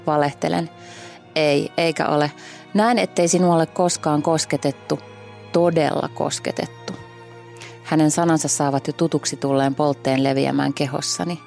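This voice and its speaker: A woman with a low voice and a gravelly, fry-tinged edge. She talks as a podcast guest, thinking out loud and searching for her words. She reads passages aloud and unpacks them in a relaxed, casual chat. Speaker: guest journalist.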